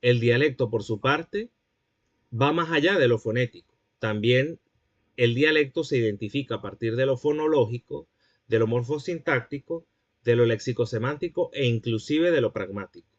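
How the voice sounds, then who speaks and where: A man's voice: medium pitch, moderate pace, muffled recording. A man giving a classroom lecture, explaining points and checking that students follow.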